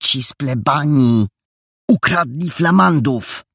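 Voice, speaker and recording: A man voicing an excitable, bossy young girl detective in a storybook, with emphatic, impatient delivery. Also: mid-range voice, unhurried, creaky, breathy edge, dry recording, clean studio sound, voice pushed up, full character voice. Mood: excited, bossy. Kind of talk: audiobook character voice.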